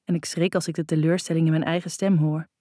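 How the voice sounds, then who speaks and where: A woman's voice: deep voice, little pitch movement, quick pace, warm tone, dry recording, studio quality. A woman narrating a first-person novel in an intimate, reflective way. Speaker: audiobook narrator.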